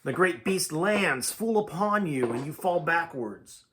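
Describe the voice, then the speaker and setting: A man reading an adventure book aloud, fairly high in pitch. His delivery is dramatic and varies in pace and loudness. His pitch rises and falls a great deal. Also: expressive, a little slow, a little hiss or hum. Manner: dramatic, shifting pace and volume. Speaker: reader of a choose-your-own-adventure book. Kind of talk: animated storybook read-aloud.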